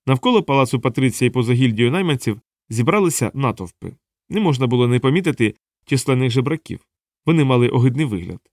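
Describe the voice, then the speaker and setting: A man reading an audiobook aloud in an even, measured narrating voice. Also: medium pitch, no room sound, clean studio sound.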